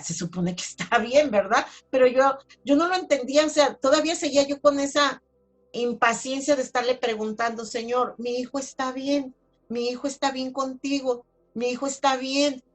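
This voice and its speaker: A woman telling her own religious testimony in a chatty, casual way, full of fillers. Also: on the high side. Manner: chatty storytelling with many fillers. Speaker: testimony speaker.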